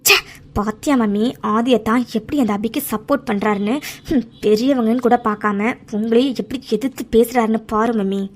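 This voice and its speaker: A woman's voice: a little high, a little fast, lightly acted. A woman voicing a spoiled, jealous young woman in a cartoon, whining to her mother. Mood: whiny. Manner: whiny, pleading with her mother. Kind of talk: cartoon dubbing.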